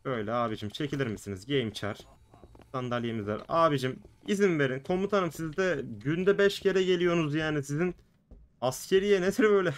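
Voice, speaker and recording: A man's voice: fairly high pitch, brisk. Chatty man doing let's play commentary. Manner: chatty, jokey, talks to the game's characters and the viewers. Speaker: gaming video host.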